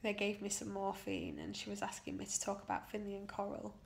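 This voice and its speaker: A British woman, worn out after surgery, recounting her experience in a personal video diary in a halting, emotional way, leaning on key words. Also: medium pitch, wildly swooping pitch, creaky, a little hiss or hum.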